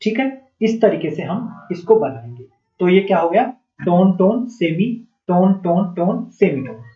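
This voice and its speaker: A man explains music theory in a fairly high, mellow voice, posing questions and answering them himself. The recording is dull and echoey, as if made in a bare room. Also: lively intonation, a little slow. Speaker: music teacher.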